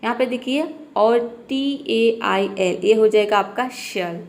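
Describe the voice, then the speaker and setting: A woman's voice: on the high side, slow pace, a little mellow. A woman teaching an English pronunciation lesson in Hindi, spelling words letter by letter and asking questions she answers herself. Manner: patient, repeats rules and asks questions she then answers.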